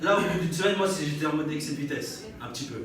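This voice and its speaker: A man performing a stand-up comedy routine on stage, telling his story in an animated way with emphatic repeats. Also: on the high side, quick pace, distant mic. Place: stage in a large venue. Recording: echoey hall with crowd, mic from afar. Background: live audience.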